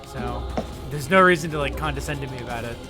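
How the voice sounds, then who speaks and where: A man's voice: medium pitch, quick pace. A man giving casual gaming commentary as he plays, joking sarcastically and swearing freely. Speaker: player in a video game playthrough. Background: game music.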